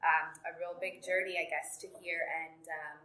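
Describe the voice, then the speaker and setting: A woman's voice: fairly low pitch, little pitch movement, normal speed, sharp tone. A woman who sings and dances in a band, talking earnestly in a casual interview and often searching for words. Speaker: singer and dancer. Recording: echoey room with music behind.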